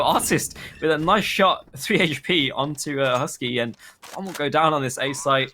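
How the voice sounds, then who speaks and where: Man, esports caster, conversational analysis, middle pitch, slight background clicks and gunfire. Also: background noise. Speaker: esports commentator.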